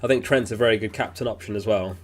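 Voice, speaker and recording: Sniffly and recovering from being sick, this man clears his throat repeatedly while hosting a casual fantasy football livestream. His somewhat low voice holds a steady tone at a quick pace. He reads viewer messages and answers them in a chatty, think-aloud way full of easy fillers.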